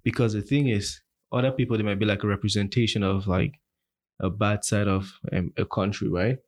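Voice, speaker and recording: A man's voice: lowish voice, fairly even intonation, a little fast. A man from Nigeria talking frankly and emphatically in a casual podcast chat, laughing often. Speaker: podcast co-host.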